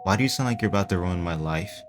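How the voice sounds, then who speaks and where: A man's voice: deep voice, fast, over music, close to an everyday voice. A man voicing a nervous, joking young sidekick who whispers slangy wisecracks.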